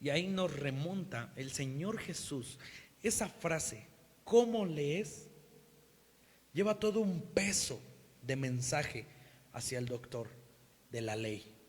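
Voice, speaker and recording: A man preaches to his congregation in a lively, expressive way, often slipping into the voices of the scripture's characters. His voice sits a bit high, and it rings with the long reverb of a church hall. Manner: animated, acts out biblical dialogue with raised voice. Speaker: pastor. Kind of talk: sermon.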